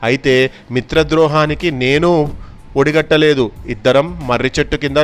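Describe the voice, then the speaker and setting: A man's voice: fairly high pitch, steady tone, moderate pace, clear, resonant tone, soft background music, natural voice. A man doing a pleading wronged merchant. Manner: pleading, earnest. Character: honest wronged male merchant, pleading and tearful.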